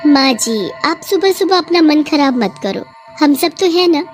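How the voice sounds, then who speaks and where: A woman voicing a gentle, dutiful young daughter-in-law with a soft, caring manner in an animated story, with faint music behind. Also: high voice, measured pace, voice pushed up. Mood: soothing.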